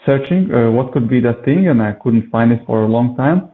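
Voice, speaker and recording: A man's voice: medium pitch, animated, brisk. A man from Latvia, a yoga and mindset coach, talking in an interview with many hesitant filler sounds. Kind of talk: conversational interview. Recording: tinny phone-like call audio.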